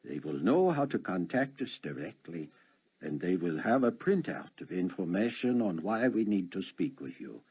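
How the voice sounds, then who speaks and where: A man's voice: low-pitched, sing-song, a little mellow, slightly rough, exaggerated voice. A man voicing a stern Interpol operative with a thick French accent. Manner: slow, insistent.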